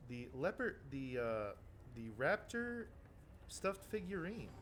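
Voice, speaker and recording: A man's voice: fairly high pitch, very animated, a bit bright, a little hiss or hum. Casual man running a tabletop game. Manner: casual, halting, searches for words. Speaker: game master.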